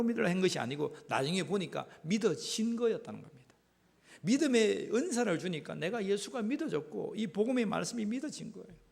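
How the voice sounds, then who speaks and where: A middle-aged male pastor, preaching emphatically in a church and swinging between loud calls and low asides. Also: creaky. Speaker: senior pastor. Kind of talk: sermon. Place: church sanctuary. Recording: church hall reverb.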